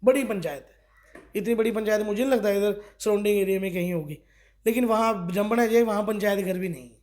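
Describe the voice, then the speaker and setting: A man's voice: high voice, fast, a little mellow. A middle-aged man from Kathua, a district party official, giving a local news interview and pressing his complaints with rhetorical questions. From Kathua, Jammu and Kashmir.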